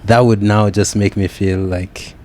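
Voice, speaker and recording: A young Kenyan man with a low, mellow voice talks candidly as a podcast guest. He reflects at an easy pace, circling back with restarts and small repeated yeahs. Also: flat delivery, a little slow. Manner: reflective, with frequent "yeah" and restarts.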